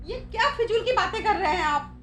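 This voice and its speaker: An actress playing a worried middle-aged mother who pleads and tries to calm the family. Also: very high voice, a little fast, faint music behind. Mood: soothing. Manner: pleading, soothing.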